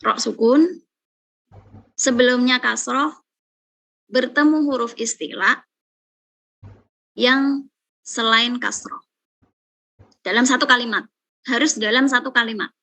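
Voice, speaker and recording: A woman's voice: a little high, gravelly, bright, forceful tone, poor audio. A woman teaching Quran recitation rules, patiently explaining and repeating each example word several times. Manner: slow, patient, repeats and drills pronunciations. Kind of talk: online lesson.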